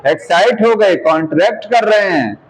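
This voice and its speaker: A male teacher giving a classroom lecture, drilling key terms and constantly checking the students with quick questions. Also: high voice, lively intonation, husky, low-quality recording.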